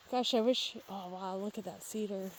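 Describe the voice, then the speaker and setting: Walking outdoors beside a babbling creek on a wooded lot, a woman with a mid-range voice narrates a property video tour as a real estate agent, chatting casually. The recording is rough, with faint background noise from the outdoors.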